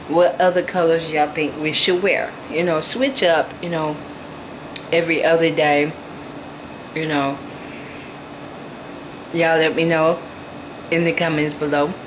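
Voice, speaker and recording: Slow, low-voiced woman cooing over her dolls. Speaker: vlogger showing her reborn doll nursery. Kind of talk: casual chat to camera and to her dolls. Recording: noisy home recording with air conditioner hum.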